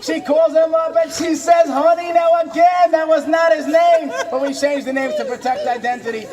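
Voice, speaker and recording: A man doing a comic impression of an impassioned, warm, questioning rabbi, telling inspirational stories with dramatic, preacherly refrains. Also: extremely high pitch, a little fast, a faint crowd. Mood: dramatic storytelling.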